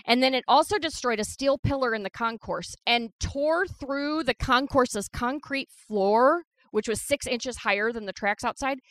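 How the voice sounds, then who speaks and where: A woman co-hosting a podcast, recounting a history story in casual chat as a lively storyteller who holds her ground against interruptions. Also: on the high side, normal speed, hardly any pauses, no room sound. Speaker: podcast co-host.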